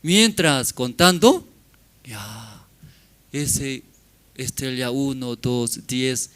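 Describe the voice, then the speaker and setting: A man's voice: mid-range voice, drawn-out words, fairly bright tone. A man pastor preaching a sermon emphatically, in broken grammar with many rhetorical questions.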